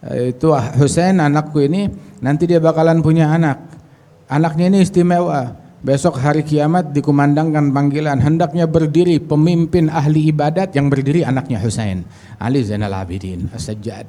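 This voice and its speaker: Male preacher, warm mellow voice, storytelling sermon, arabic phrases then casual explanations. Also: a little high, moderate pace. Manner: acts out dialogue in a lively storytelling way. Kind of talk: storytelling sermon at a religious gathering.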